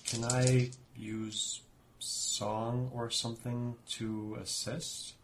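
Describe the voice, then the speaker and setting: A man's voice: medium pitch, level tone, extremely slow, slight background noise. A man playing an elf character in a tabletop game, with a dry, mock-formal delivery. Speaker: player. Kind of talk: tabletop role-play chat.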